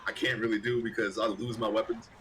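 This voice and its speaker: Male co-op streamer, low register, casual rambling chat, slight background noise. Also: flat delivery, fast. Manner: rambling, repeats himself. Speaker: co-op game streamer. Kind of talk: casual chat while gaming.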